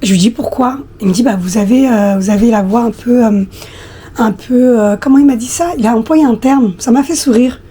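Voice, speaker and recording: A woman in her thirties talks to her followers in a relaxed, chatty vlog, her husky voice a little hoarse from a recent flu. She sits slightly high for a woman and sounds soft and mellow. She often hesitates and reaches for the next word. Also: brisk. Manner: hesitant, many fillers, talks directly to viewers. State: hoarse after flu, coughing. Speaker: lifestyle vlogger. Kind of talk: casual chatty storytelling.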